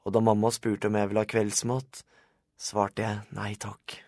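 A man's voice: fairly low pitch, little pitch movement, a little mellow, no room sound, clean studio sound. A man reading a first-person children's audiobook in a plain storytelling manner. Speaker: audiobook narrator. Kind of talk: scripted first-person narration.

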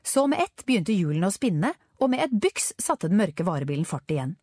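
A woman narrating a children's adventure story with expressive storytelling. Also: mid-range voice, dry recording, studio quality. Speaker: audiobook narrator. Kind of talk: scripted narration.

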